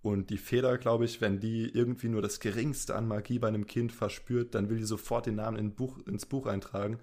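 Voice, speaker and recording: A man's voice: lowish voice, flat delivery, a little fast, darkish tone. A man hosting a podcast in casual chat, explaining things at length with fillers. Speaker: podcast host.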